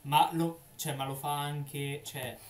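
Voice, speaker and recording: A man's voice: fairly high pitch, flat delivery, slow pace. A man commentating a card game in a casual, chatty way, explaining the plays. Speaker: stream commentator. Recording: echoey room with clear ambient noise.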